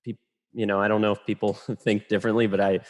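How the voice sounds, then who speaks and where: A man, a photographer, talking casually and rambling in a relaxed, self-deprecating way as a podcast guest. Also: lowish voice, fast.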